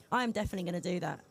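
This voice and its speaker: A woman's voice: on the low side, vocal fry. A woman co-hosting live poker commentary, chatty and playful, asking questions and bantering with her partner.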